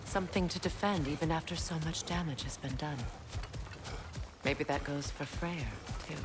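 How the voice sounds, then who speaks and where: A woman playing a wistful, proud female warrior in a video game, with a reflective, measured delivery. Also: low voice, music in the background, close to an everyday voice. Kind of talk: dramatic video game dialogue. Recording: game ambience noise behind dialogue.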